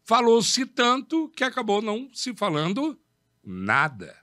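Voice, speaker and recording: Lively emphatic Brazilian podcast host. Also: male voice, sits high, slow pace, no echo, studio quality. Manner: emphatic, repeats key words, asks and answers his own questions. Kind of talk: instructive talk on public speaking.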